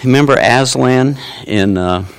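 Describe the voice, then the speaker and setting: A man preaching a sermon as pastor, swinging from hushed asides to loud exclamations. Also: medium pitch, unhurried, gravelly, clean tone. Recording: long reverb of a large hall.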